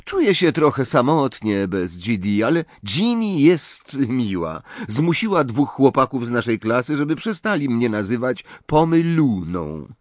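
A man's voice: medium pitch, big pitch swings, measured pace, hardly any pauses, no room sound, pitched above the performer's own voice. A man voicing a dreamy, blunt teenage schoolgirl with an airy, frank, lilting way of talking.

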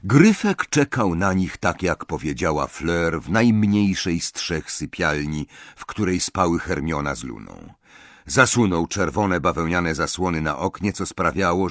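A man reading a fantasy novel aloud as an audiobook narrator, in a slow, expressive way. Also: sits low, no room sound, studio quality. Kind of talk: scripted narration.

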